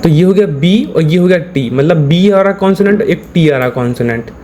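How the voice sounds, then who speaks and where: A man's voice: fairly high pitch, a little fast, darkish tone, slight background noise. Patient man teaching step by step. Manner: patient, repeats points and checks understanding. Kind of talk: step-by-step classroom explanation.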